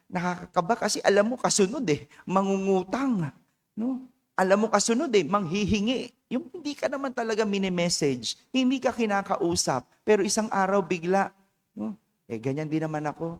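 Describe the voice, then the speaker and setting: A man's voice: high voice, expressive, normal speed, long reverb tail. A Filipino man, a parish priest, giving a chatty homily and often asking the congregation short questions. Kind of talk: conversational homily. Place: church.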